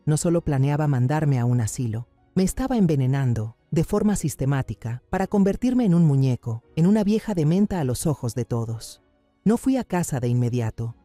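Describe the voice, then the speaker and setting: Man, storyteller, somber scripted narration, dark mellow timbre, dry close sound. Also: medium pitch, no room sound. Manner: somber, dramatic.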